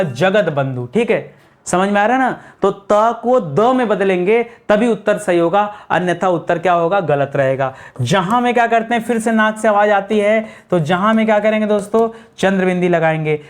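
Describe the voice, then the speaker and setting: A male teacher leads an exam-prep grammar lesson at a whiteboard. He fires rhetorical questions at his students and answers them himself. He stretches out each corrected word slowly and lets his voice sink to close a point. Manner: spells out words slowly, drops low to close each point.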